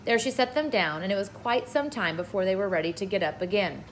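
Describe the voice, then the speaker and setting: A woman reads aloud from a children's book in an informal storytelling style. Her voice sits at an average pitch. A faint layer of noise runs behind the reading. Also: fast, low-quality recording. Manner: informal, with brief asides to listeners.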